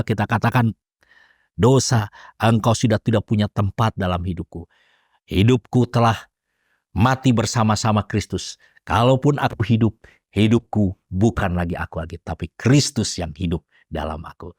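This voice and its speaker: Pastor guy preaching, dry close sound, gets loud and punchy on key lines. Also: on the low side, dry recording. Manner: preaching with rising emphatic bursts. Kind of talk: sermon.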